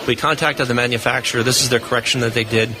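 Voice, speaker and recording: Speaking fast with a steady, medium-pitched tone, this technical guest explains radio equipment testing off the cuff during a live interview. The setting is a convention floor booth, and the background is noisy and busy.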